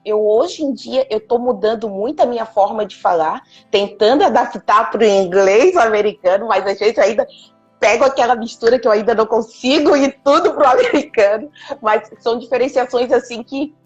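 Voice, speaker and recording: A woman, an English teacher hosting a casual live chat, chatty and quick to laugh. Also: a little high, husky. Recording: dull lo-fi stream audio, faint music.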